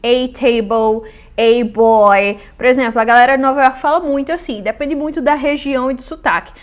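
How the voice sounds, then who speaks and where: A woman teaching English in a casual online lesson, lively, repeating example words slowly, native Portuguese speaker. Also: sits high.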